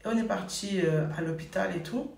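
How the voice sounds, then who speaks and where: A woman's voice: on the low side, fairly quick, vocal fry, darkish tone. Woman chatting through a story, lots of fillers, sounds far off in a roomy space. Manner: chatty, many fillers and "et tout". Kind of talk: casual personal storytelling.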